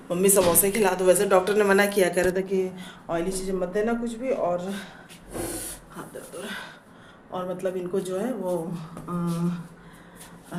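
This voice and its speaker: A woman's voice: mid-range voice, a little hiss or hum. A middle-aged woman chatting casually in a home vlog, rambling with many fillers, recorded indoors on a phone. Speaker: family vlogger.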